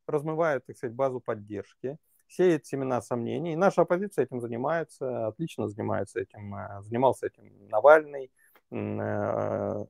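A man's voice: medium pitch, gravelly, no room sound, clean studio sound. A man working as a political consultant, answering interview questions in long, reasoned stretches with many fillers.

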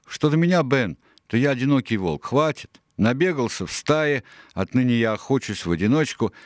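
A man's voice: medium pitch, expressive, normal speed, dry recording, clean studio sound, voice pushed up, lightly acted. A man voicing a boisterous, sly old male pirate in an audiobook, hearty and theatrical. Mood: boastful.

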